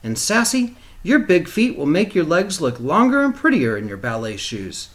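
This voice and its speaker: A firm but loving storybook mama, put on by a man, lifted into a higher pitch. She chides emphatically, with plenty of up and down. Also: very animated, moderate pace. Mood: scolding, reassuring. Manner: emphatic, chiding. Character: firm, scolding but loving mother of two children.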